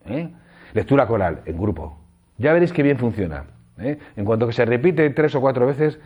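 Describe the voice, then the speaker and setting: A man from Spain lecturing trainee teachers, his pitch rising and falling a lot as he explains step by step. He keeps checking in with short tag questions. The sound is dull and lo-fi. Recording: dull lo-fi audio.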